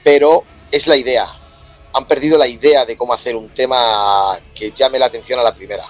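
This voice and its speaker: A man's voice: medium pitch, steady tone, moderate pace, soft background music. Frank Spanish man in his forties. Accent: Spain. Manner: colloquial, frank, jokey. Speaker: guest singer. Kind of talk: casual music chat.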